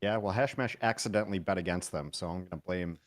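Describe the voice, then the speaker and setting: A man co-casting an esports stream in casual chat, trading dry, deadpan quips. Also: low-pitched, fast talker.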